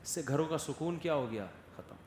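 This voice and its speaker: Male preacher, animated and questioning, fairly high voice, recorded in an echoey hall. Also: a little hiss or hum. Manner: animated, rhetorical questions to the audience, acts out soft and loud voices. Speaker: religious scholar giving a sermon. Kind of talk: Urdu sermon. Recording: echoey hall with faint ambience.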